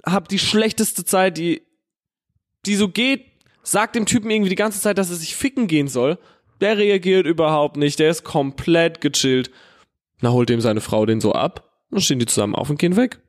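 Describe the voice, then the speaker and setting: A man with a Palatinate German accent telling an animated, slangy story in casual chat, full of fillers. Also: a little high, moderate pace.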